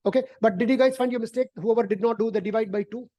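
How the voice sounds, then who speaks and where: A woman's voice: fairly high pitch, fast, warm tone. A woman teaching a math class, explaining in a conversational way, repeating words and often ending sentences with "right?". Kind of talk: online algebra lesson, explaining.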